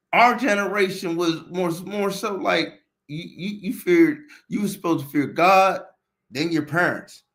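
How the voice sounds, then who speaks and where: A man's voice: sits high, fairly bright tone. A man co-hosting a podcast in casual chat, rambling loosely and often asking "you dig what I'm saying".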